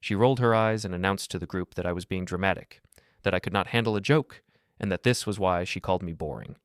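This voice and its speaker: Deep-voiced man narrating calmly. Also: smooth, no echo, studio quality. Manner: calm, measured and even. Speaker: storyteller. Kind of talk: scripted first-person narration.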